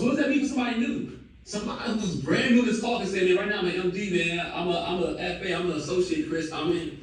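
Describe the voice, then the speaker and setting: A company leader in his thirties pumps up his team on a call with a hyped, slangy pep talk full of repetition and exclamations. His voice is high, and the poor audio comes from a distant mic with heavy reverb.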